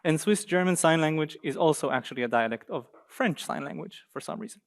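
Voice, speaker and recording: A young man from Israel giving a conference talk on slides in a university seminar room, lively and joking with the audience now and then. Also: a little high, a little fast. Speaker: guest speaker.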